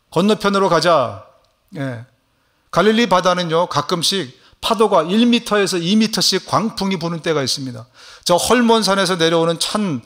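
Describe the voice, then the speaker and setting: A male pastor delivers a sermon in a church, his voice sitting a little high. He preaches emphatically, putting questions to the congregation and slowing down to voice Jesus' words. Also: fairly bright tone. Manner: asks the congregation questions, affirming 'ye'. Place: church sanctuary.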